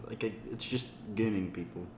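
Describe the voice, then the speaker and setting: A man's voice: fairly low pitch, fairly quick, a little mellow. A young man in his twenties co-hosting a podcast, rambling and joking in casual chat with a hesitant manner. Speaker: podcast co-host. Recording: echoey room with faint noise.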